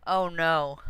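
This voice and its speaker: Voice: medium pitch, pushed and bright, clean tone. A streamer chatting casually with viewers, rambling and easily sidetracked while working on screen, with many fillers and restarts. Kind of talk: casual livestream chat.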